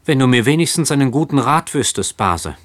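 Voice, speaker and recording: A man's voice: mid-range voice, lively intonation, a little fast, fairly bright tone, no echo, voice pushed up, lightly acted. A man reading aloud voices a timid young man who pleads and whines. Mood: whining. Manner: pleading, whining. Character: timid, whining young man, a fearful cousin.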